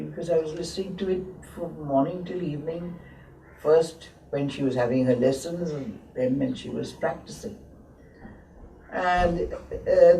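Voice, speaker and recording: Slow-spoken gravelly woman in her seventies. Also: low voice, mellow. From born in Lahore, grew up in Abbottabad. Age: 70s. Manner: many hesitant pauses and fillers. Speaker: interviewee, textile historian. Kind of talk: slow reflective reminiscing. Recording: roomy echo, mic at a distance, faint hiss.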